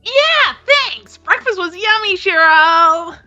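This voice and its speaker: Tomboy voice woman doing super high cutesy cheerful girl, sweet and bouncy, visual novel character. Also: animated, takes it slowly, sharp tone, lo-fi sound, faint music behind, exaggerated voice.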